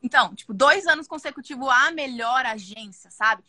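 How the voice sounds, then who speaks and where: A young woman, talking in a loud, intense and expressive way in a casual podcast chat. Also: high-pitched, normal speed, no echo. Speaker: podcast guest.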